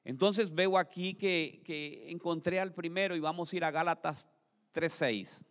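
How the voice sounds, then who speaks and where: A man preaching a sermon in a church, moving between loud exclamations and soft asides, and asking the congregation to repeat his phrases. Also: a little high, measured pace. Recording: long hall reverb.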